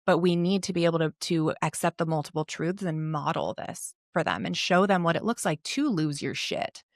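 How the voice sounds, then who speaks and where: A woman's voice: lowish voice, normal speed, no room sound, studio quality. A woman in her thirties, a mental health coach, speaking candidly and earnestly in a podcast interview and swearing often. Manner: reflective, earnest.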